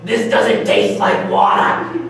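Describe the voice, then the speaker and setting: A man's voice: on the low side, wildly swooping pitch, takes it slowly, a bit bright, faint music behind, voice pushed down, exaggerated voice. Teen guy playing a grumbling, demanding old grandma in live improv; echoey stage, mic far off. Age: teens. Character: cranky forgetful old grandmother.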